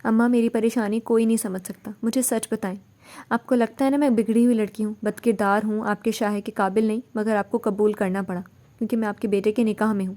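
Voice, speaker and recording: A woman's voice: mid-range voice, steady tone, dark tone, natural voice. A woman reading the part of a distraught young wife who pleads insistently. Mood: pleading.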